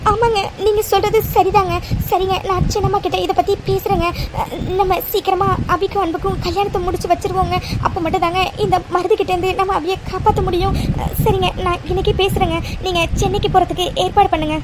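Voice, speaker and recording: A woman's voice: extremely high pitch, fairly even intonation, quick pace, noisy background. A woman voicing an anxious middle-aged village wife in a cartoon serial, fretful and deferential to her husband.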